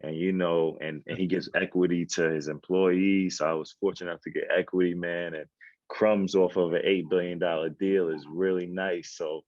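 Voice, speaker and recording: A man with a very low, deep voice talks in a relaxed, streetwise way, as a podcast guest. The sound is dull and muffled, as on a remote call, and completely dry. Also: moderate pace, no room sound. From Queens, New York. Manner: laid-back, streetwise slang. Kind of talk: casual conversational interview.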